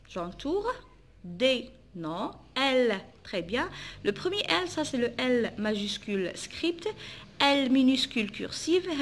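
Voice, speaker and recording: Woman teacher, Algerian French accent, slow and deliberate, a little high, drills letters and syllables for young pupils. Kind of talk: phonics lesson for children.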